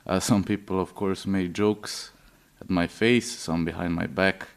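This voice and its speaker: Low and gravelly, with fairly even intonation and a slightly slow pace, a young Serbian man in his twenties shares his personal story as an interviewee. He hesitates often, using many fillers and starting over repeatedly.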